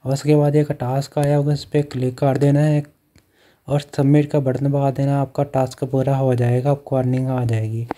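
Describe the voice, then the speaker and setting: In a voice-over for a phone screen recording, an online earning channel host guides viewers through an app one step at a time, repeating his instructions. He speaks at normal speed in a warm, level, mid-range voice.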